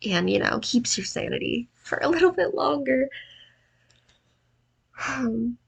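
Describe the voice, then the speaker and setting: A tired, exhausted-sounding woman congested with allergies narrates a video editing tutorial in a casual, self-deprecating way. Her voice is a little high and sing-song, a little slow, creaky and slightly rough.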